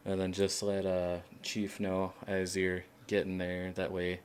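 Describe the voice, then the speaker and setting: A man streaming a game, chatting casually with other players in a relaxed, hesitant way with many fillers. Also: sits low, a little slow, slight background noise. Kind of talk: casual voice chat while playing.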